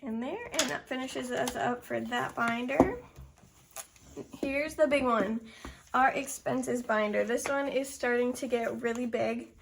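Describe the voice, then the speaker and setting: A young woman speaks in a fairly high voice with plenty of vocal fry. She is slightly short of breath as she casually talks through what she is doing, counting figures aloud step by step. There is some noise and clicking behind her. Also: unhurried. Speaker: budgeting video host. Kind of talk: casual narration of a hands-on task.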